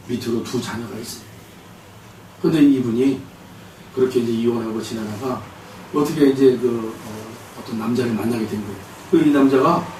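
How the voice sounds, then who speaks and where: Storytelling pastor in an echoey church. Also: male voice, mid-range voice, slight background noise. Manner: animated storytelling, acting out quotes. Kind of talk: sermon. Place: church sanctuary. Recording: echoey church hall, distant mic, faint ambience.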